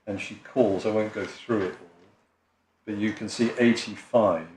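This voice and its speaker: An Englishman's voice, lowish, steady and darkish, comes at a measured pace as he argues a legal submission before appeal judges. Working as a barrister in a large courtroom, he hesitates frequently, with ums, restarts and apologies. The recording carries roomy courtroom acoustics.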